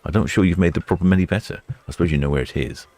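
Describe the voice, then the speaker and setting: A man with a deep voice hosts a casual livestream. He gives chatty commentary on passing ships and muses aloud. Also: rapid-fire, warm tone. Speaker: livestream host. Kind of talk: casual live ship-spotting commentary.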